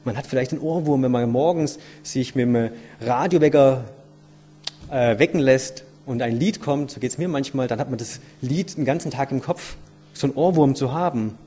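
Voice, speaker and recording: A man's voice: mid-range voice, moderate pace, dark tone, a little hiss or hum. A man giving an earnest, reflective sermon, asking his listeners many rhetorical questions. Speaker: lay preacher. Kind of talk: sermon with a read-aloud story.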